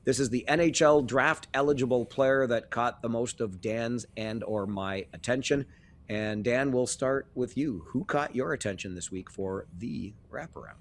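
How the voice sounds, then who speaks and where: Genial sports podcast host. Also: male voice, medium pitch, normal speed, a little hiss or hum. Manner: genial, conversational, chuckles often. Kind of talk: casual sports podcast chat.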